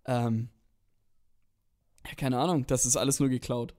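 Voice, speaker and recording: A man's voice: mid-range voice, steady tone, measured pace, warm tone. A man co-hosting a podcast in casual chat, rambling, using slang and swearing. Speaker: podcast co-host.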